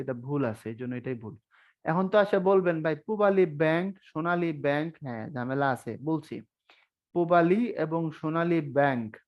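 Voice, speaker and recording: A man's voice: on the high side, muffled recording. A young man teaching an online exam-prep lesson on spelling, chatty and teasing, often asking his students questions.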